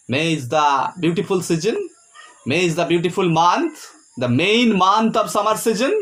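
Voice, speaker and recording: Guy teaching a poem, slow and emphatic, spells out words, voice jumps up and down a lot. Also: on the high side, a bit bright. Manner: ends points with a rising "Clear?". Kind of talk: poetry lecture.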